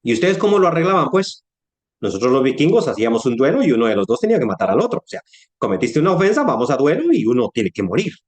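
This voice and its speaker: A man voicing a rough, blunt male viking ghost in a sermon anecdote, talking fast and scornfully. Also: medium pitch, big pitch swings, darkish tone, natural voice.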